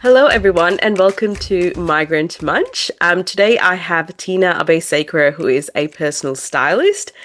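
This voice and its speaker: A woman with a notably low voice hosts a podcast conversation. She introduces her guest and leads the talk, answering with short, encouraging affirmations. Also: animated, moderate pace, hardly any pauses, fairly bright tone. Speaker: podcast host. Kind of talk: podcast interview.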